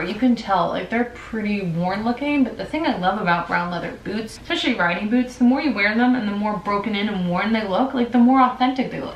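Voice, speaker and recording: A woman's voice: mid-range voice, slight background noise. A woman in her twenties chatting casually and upbeat in a bedroom vlog. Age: 20s. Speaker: vlogger. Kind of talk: casual chat. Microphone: far camera. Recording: roomy, from a distance.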